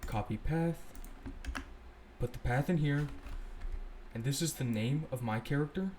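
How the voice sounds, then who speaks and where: A young man at his computer talks through code in a loose, thinking-out-loud way, pausing to correct himself. His voice sits at an ordinary pitch for a man. Faint noise and keyboard clicks run beneath it. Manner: relaxed, thinks aloud, self-correcting. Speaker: scripting tutorial host. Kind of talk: casual screen-recorded coding walkthrough.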